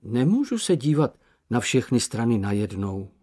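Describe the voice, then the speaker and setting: A man voicing a calm, curious young male troll in an audiobook, speaking in a level-headed, matter-of-fact way. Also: medium pitch. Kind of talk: audiobook character voice.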